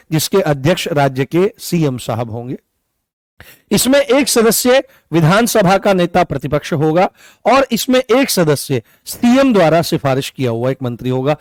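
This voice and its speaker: Coughing and hoarse, this man's voice sits high as he runs an online exam-prep class, frequently posing the main points back to students as questions. The recording is dry, made on his own microphone.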